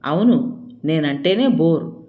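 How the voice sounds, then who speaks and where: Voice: mid-range voice, expressive, takes it slowly, phone-quality sound. A narrator voicing an irritated, wounded husband who scolds and answers with sarcasm. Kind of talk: audiobook role reading.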